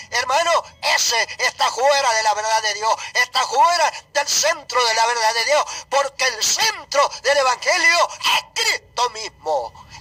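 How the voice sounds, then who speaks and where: High, bright-voiced impassioned male preacher. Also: rough recording. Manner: impassioned, repetitive preaching with shouted peaks. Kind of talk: sermon.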